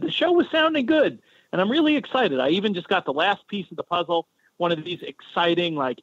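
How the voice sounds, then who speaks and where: A chatty man hosts a podcast, talking in a loose, rambling way. His voice sits a little high and comes through a cell phone held to his head, so it sounds tinny and dull. The sound is dry, with no room echo. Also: fairly bright tone. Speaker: podcast host. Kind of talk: casual podcast talk. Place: home in a city neighborhood.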